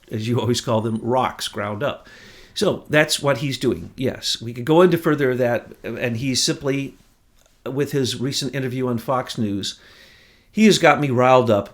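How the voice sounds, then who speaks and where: A man co-hosting a political talk show, speaking in an indignant, emphatic way that rises to near shouts. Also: mid-range voice. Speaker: podcast co-host. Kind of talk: heated political commentary.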